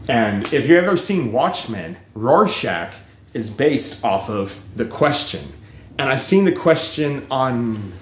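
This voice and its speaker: A man's voice: mid-range voice, big pitch swings, slow pace, echoey room, a little hiss or hum. A man vlogging casual, rambling commentary on books and the news, full of fillers, restarts and swearing. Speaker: book reviewer vlogger.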